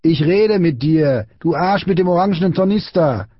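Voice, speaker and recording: A man voicing a big bullying schoolboy who shouts and taunts aggressively, in an audiobook reading. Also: a little high, animated, normal speed, husky, no room sound, lo-fi sound, pitched above the performer's own voice. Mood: taunting.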